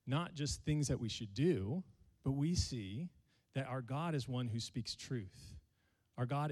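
A man's voice: mid-range voice, darkish tone, big-room sound. A male pastor, preaching a sermon to his congregation and joking with them. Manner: playful, jokes with the congregation.

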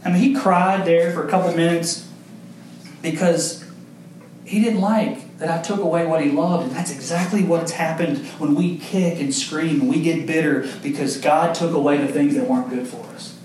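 A man's voice: on the high side, steady tone, moderate pace, darkish tone, a little hiss or hum. A young man preaching a sermon, speaking directly to his congregation and building in intensity. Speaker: pastor. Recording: echoey hall, mic far off.

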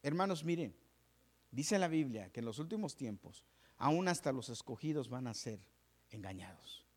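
A male pastor preaching a sermon, telling a story. He drops to hushed whispers and then rises to fervent, raised preaching. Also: medium pitch, expressive, normal speed.

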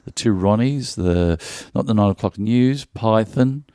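In a relaxed interview, a middle-aged Australian comedian from Melbourne chats and tells jokey stories, often starting sentences over. His low-leaning voice is mellow and smooth and a little slow. The sound is studio-quality, with no room sound.

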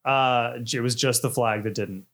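A man's voice: medium pitch, fairly even intonation, moderate pace, a bit bright. A man, hosting a casual podcast chat, rambling and self-deprecating with frequent laughs. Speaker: podcast host.

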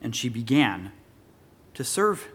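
A man preaching a sermon, reading scripture aloud and explaining it verse by verse, slowing to stress key words. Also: medium pitch, sing-song, breathy edge. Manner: earnest expository preaching, reads scripture then explains it. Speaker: pastor.

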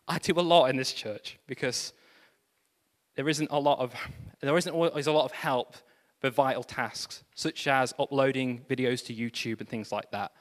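A man pastor preaching a sermon, animated, with self-deprecating humor and exclamations of praise. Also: mid-range voice, normal speed, in a large hall.

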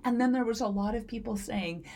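A woman co-hosting a casual podcast chat, talking reflectively and agreeing quickly. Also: on the high side, a little mellow, a little hiss or hum.

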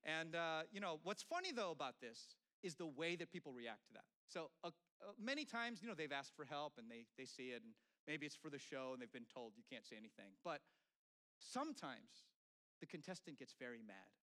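A man's voice: a little high, very animated, fairly quick, sharp tone. A middle-aged man, a pastor, giving a sermon in a church in a conversational way, with many fillers and restarts.

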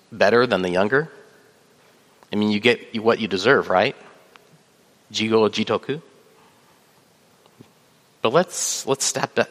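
A man with a lowish voice preaches a sermon in a measured way, pausing on fillers and reading scripture aloud. His voice carries a long reverb, as in a church hall. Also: fairly bright tone. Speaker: pastor.

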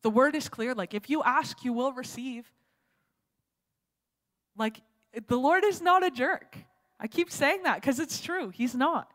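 Brief: woman preacher, casual storytelling sermon, slightly high voice, reverberant church hall. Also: a little slow, pauses often, fairly bright tone.

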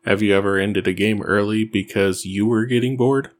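A man's voice: on the low side, fairly even intonation, normal speed. A man interviewing a game master with short, plain questions.

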